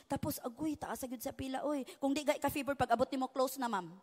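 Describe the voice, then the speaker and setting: A woman from the Philippines delivers a sermon in a bright, high voice, hopping between English and local tongues. She keeps checking in with the congregation by ending lines on "no?". Her words ring out with a long church-hall reverb. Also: steady tone, fast talker. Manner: tags nearly every phrase with a questioning "no?". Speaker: preacher.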